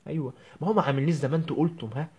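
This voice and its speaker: A man putting on a young Egyptian newlywed woman, griping to her mother in a comic phone-call sketch. The voice is pitched a bit high and husky, and it rattles along at a breakneck pace. She sounds whiny and indignant throughout. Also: fairly even intonation, a little mellow. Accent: Egyptian Arabic. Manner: whiny, indignant, rapid rambling. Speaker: comedian.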